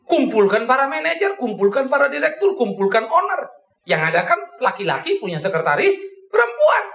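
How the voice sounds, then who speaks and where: A man preaching a sermon, animated, swinging between soft and loud, joking and acting out his own old quarrels. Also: extremely high pitch, a little fast, roomy sound. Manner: jokes and acts out his own past quarrels.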